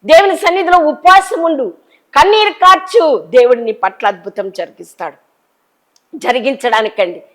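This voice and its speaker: A middle-aged woman preaching an impassioned sermon, swinging between loud cries and soft, low asides. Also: normal speed, low-quality recording.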